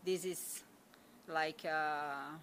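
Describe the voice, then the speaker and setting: A young Brazilian woman answers reporters from behind a stand mic in a press room, speaking English with her Brazilian accent. She talks in a fairly low voice, halting often, repeating words and filling gaps with "like." A faint hum sits under her. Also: fairly even intonation, fairly bright tone. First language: Portuguese. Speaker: national team soccer player. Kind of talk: post-match press conference answers. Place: press conference room with sponsor backdrop. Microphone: stand mic in front of her.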